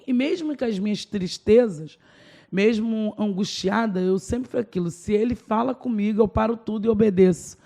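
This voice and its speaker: Brazilian woman pastor as podcast guest, gravelly voice, emotional storyteller. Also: medium pitch, normal speed, warm tone. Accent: Brazilian Portuguese. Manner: emotional storytelling, acts out dialogue. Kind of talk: personal testimony in a podcast interview.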